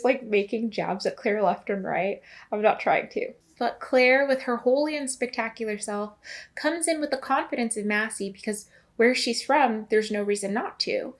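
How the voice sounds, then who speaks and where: A young woman narrating a video essay in a casual, chatty way, with asides to the viewer. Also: on the high side.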